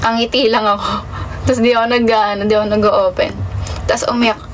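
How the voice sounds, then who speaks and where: A young woman with a slightly high voice speaks to her livestream audience in a loose, rambling way. She circles back through fillers and half-started phrases as she opens up. A faint hum of passing vehicles sits behind her. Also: little pitch movement, a little fast, low-quality recording. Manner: rambling, full of fillers and restarts. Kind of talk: casual confessional livestream talk.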